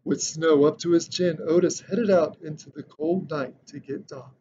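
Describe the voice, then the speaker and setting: A man with a somewhat high voice reads a children's picture book aloud in an indoor decorated room, telling the story in an expressive, dramatic way at a moderate pace. The recording is muffled and lo-fi, with a dull sound and some background noise.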